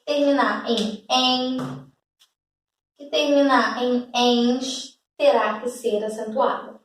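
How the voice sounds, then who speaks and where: A slow, patient woman teacher with a Brazilian accent and a somewhat high voice. She repeats her examples and keeps checking that the class follows. Her voice rings in an echoey room, heard from some distance from the mic. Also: fairly even intonation. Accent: Brazilian Portuguese. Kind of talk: grammar lesson.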